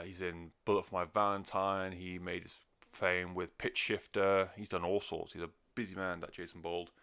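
A man reviewing music talks casually and off the cuff, rambling, swearing and making fun of himself. His voice is low-pitched yet fairly bright, with a clean tone.

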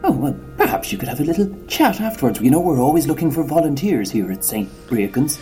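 A man's voice: a little high, sing-song, quick pace, mellow, faint music behind. A man voicing a prim, sardonic parish priest in a comedy sketch, patient and mildly scolding. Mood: dry, scolding.

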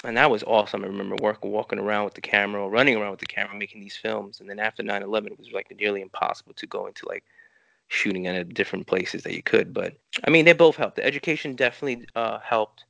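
A middle-aged filmmaker from New York City, with a New York accent, rambles through his interview answers as a guest, restarting often and leaning on "you know." His fairly low voice is creaky and a bit bright, and he talks fast. The audio is poor, though without echo.

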